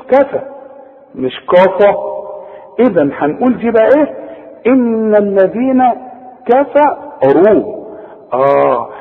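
A high-pitched man with an Egyptian Arabic accent gives a tajweed lesson on Quran recitation rules, explaining slowly, then drawing out the recited words. He often asks the listener to confirm they are following. The recording sounds tinny and phone-like, with long reverb.

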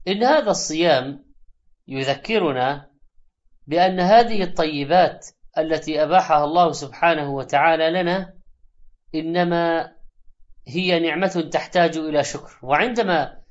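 A man preaching in formal standard Arabic, explaining scripture in measured, deliberate phrases with short pauses. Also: fairly high pitch. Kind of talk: Quranic commentary sermon in formal standard Arabic. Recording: dull, band-limited lo-fi audio.

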